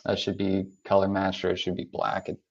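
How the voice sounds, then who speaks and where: Low-voiced man, lo-fi sound. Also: monotone, a little fast, creaky. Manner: laid-back, hesitant with ums and I-don't-knows. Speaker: co-host. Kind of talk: casual chat reviewing trucks. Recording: dull lo-fi sound.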